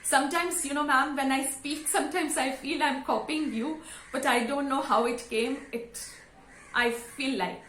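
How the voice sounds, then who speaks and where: A woman's voice: sits high, steady tone, a bit bright, slight background noise. Emotional Indian woman, around fifty. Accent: Indian English. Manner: emotional, sincere, halting with fillers. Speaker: vlogger and school teacher. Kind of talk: heartfelt thank-you speech to camera. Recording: roomy echo.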